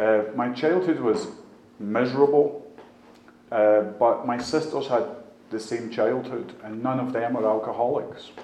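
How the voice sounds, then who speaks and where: With a Glasgow-area accent, a man in his fifties who comes from just outside the city shares his testimony at a recovery meeting in a plain, conversational way. His voice sits on the low side and sounds a little mellow. The recording has echo and faint background noise.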